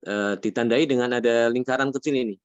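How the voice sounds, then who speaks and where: A man teaching a tajweed class, patient, asking his students questions and drawing out Arabic words slowly. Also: medium pitch, steady tone, smooth, dry recording, lo-fi sound. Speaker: Quran recitation teacher. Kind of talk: tajweed lesson.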